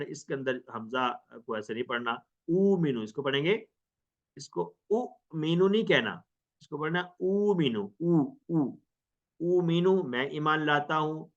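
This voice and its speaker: Slow, bright-voiced man teaching a lesson. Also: medium pitch. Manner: patient, drills phrases with question and answer. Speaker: Arabic teacher. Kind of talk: recorded grammar lesson. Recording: dull lo-fi recording.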